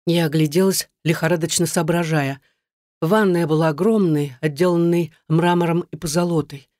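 A woman's voice: deep voice, fairly even intonation, normal speed, a little mellow, dry recording, studio quality. A woman reading a dramatic first-person story aloud. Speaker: narrator.

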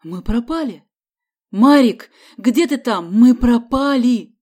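A woman voicing a panicky, fussy middle-aged man who wails loudly and shrilly. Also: moderate pace, lightly acted. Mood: despairing. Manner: shrill, loud, wailing.

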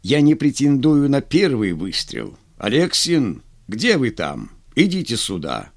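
A man voicing a stern, contemptuous army general who speaks gruffly, in a commanding way. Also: medium pitch, wildly swooping pitch, measured pace, no room sound, studio quality, heavily acted. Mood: stern scorn.

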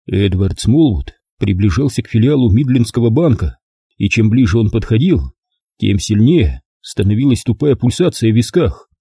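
A man reading a novel aloud as an expressive audiobook narrator. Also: on the low side, moderate pace, slightly rough, no echo, clean studio sound. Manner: expressive storytelling. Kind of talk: scripted narration.

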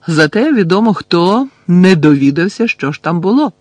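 A man's voice: sits high, very animated, moderate pace, a little mellow, dry recording, voice pushed up. A man doing a blunt, grumbling schoolboy. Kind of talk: audiobook character voice.

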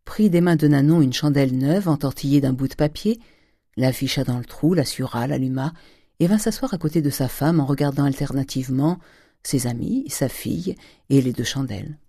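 A measured, steady audiobook reading of a classic novel. The tone is dark and mellow, and the recording is dry with no room sound. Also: mid-range voice, no room sound. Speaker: audiobook reader. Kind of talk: scripted narration of a classic novel.

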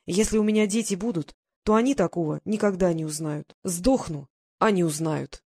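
A woman's voice: fairly low pitch, moderate pace, mellow, breathy edge, dry recording, clean studio sound. Woman voicing a weary aging ex-convict man. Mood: bitter.

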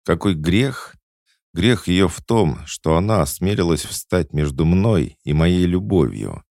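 A man with a deep, gravelly voice reading the lines of a proud, jealous immortal queen who speaks coldly and commandingly. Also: expressive, unhurried, darkish tone, no echo, clean studio sound, heavily acted. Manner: cold, imperious, mocking.

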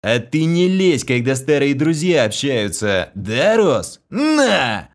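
A man voicing a rowdy, hulking young brute who shouts crudely and boisterously. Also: medium pitch, big pitch swings, takes it slowly, voice pushed up.

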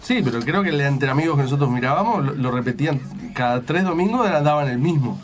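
A man's voice: mid-range voice, animated, fast talker. A man hosting a casual radio chat, rambling with restarts and frequent laughter. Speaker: radio host.

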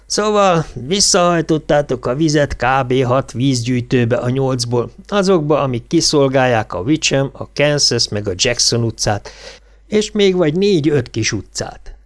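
A man doing a gruff folksy old policeman. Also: mid-range voice, lively intonation, lightly acted. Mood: lecturing. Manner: folksy dialect, dry and blunt. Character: gruff older male small-town policeman. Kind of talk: audiobook character voice.

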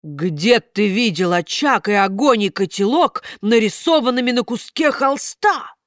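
A woman voicing a big bearded puppet master who bellows loudly and sneezes explosively. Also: a little high, expressive, measured pace, no echo, studio quality, voice pushed up. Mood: blustering.

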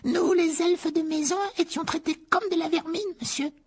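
A woman voicing a high, fretful male house-elf. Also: fairly even intonation, moderate pace. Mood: anxious. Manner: pleading, fretful and self-punishing. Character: timid pleading male house-elf servant. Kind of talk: dramatized audiobook reading.

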